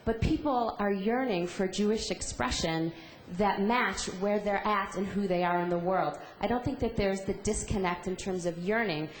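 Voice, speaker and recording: A woman's voice: medium pitch, normal speed, a little hiss or hum. A woman speaking on a conference panel in an earnest, reflective way. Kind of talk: panel discussion answer. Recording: echoey conference hall.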